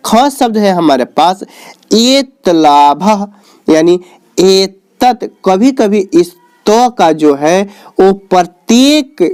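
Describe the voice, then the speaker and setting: A man teaching a lesson at an unhurried pace, his voice warm and dark. He quizzes the viewer and then answers himself, stretching out each answer in a lower, slower tone. He talks to the viewer in a friendly, familiar way. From Bihar, India. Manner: asks questions and answers them himself, calls the viewer "babu". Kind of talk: recorded classroom lesson.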